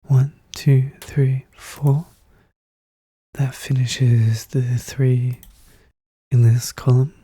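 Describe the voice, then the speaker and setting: A hushed, soft-spoken, breathy voice, often whispering, calmly and methodically thinking aloud in an ASMR puzzle walkthrough. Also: medium pitch, extremely slow, pauses often, no echo. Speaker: puzzle solver narrating own play.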